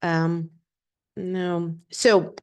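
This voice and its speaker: A middle-aged woman from Ukraine, not an English speaker, giving a halting presentation on a video call with many fillers and restarts. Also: on the low side, little pitch movement, clean tone. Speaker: researcher presenting at an online event.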